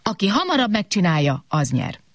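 A woman's voice: medium pitch, big pitch swings, no echo, studio quality, pitched above the performer's own voice. Woman playing a proud big robot. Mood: bossy. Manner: proud, bossy.

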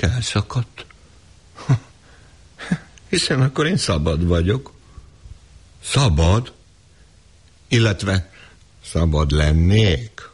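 A man's voice: fairly low pitch, darkish tone, breathy edge. An actor playing a stubborn, sly male donkey in a radio play, answering back with dry cheek.

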